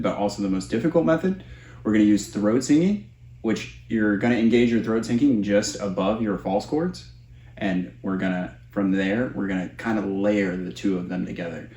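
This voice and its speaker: A vocal coach gives a casual, explanatory tutorial with vocal demonstrations. His voice is on the low side and dark, delivered a little fast, and the recording carries a roomy echo.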